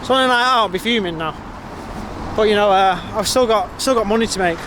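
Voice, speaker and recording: Strolling town streets at night before heading into a pub, an English man records a casual walking vlog full of blunt, sweary, wry remarks. His voice is high and fairly quick, set against a noisy background.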